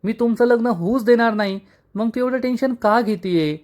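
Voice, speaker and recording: A man's voice: very high-pitched, moderate pace, a little mellow, voice pushed up. A man reading as a firm, reassuring young woman. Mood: soothing. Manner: firm, soothing, determined.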